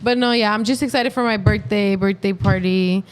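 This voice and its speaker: A woman's voice: mid-range voice, fairly even intonation, normal speed. A twenty-year-old woman chatting casually as a podcast guest, telling stories in loose slang with giggles. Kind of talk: casual chat.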